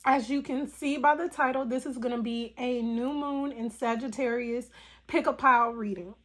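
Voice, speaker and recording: A woman's voice: a little high, steady tone, moderate pace. A woman tarot reader talking casually in a spiritual vlog, with a voice still recovering from the flu and rambling, filler-filled speech. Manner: rambling, filler-heavy talk.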